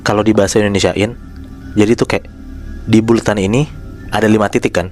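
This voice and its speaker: A man hosting a podcast, telling a horror story in a relaxed, chatty way and addressing his listeners by name. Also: fairly low pitch, quick pace, soft background music. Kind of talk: casual spoken storytelling.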